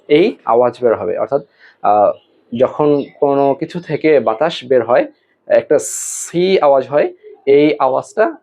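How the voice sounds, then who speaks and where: A male Quran teacher giving an online lesson, explaining how to pronounce Arabic letters slowly, with pauses and fillers, and drawing out the letters as examples. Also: mid-range voice, a little mellow. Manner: slow and deliberate, with hesitation fillers, drawn-out model pronunciations. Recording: tinny phone-like audio.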